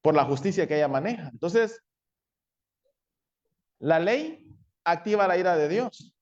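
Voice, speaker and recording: A man with a high voice preaches a sermon, constantly turning to his listeners with quick questions. He dramatizes points by voicing an accuser calling out sinners. The recording is dull and lo-fi. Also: lively intonation. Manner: asks the congregation frequent "¿sí?" and "¿verdad?"; acts out the law shouting accusations. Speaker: pastor.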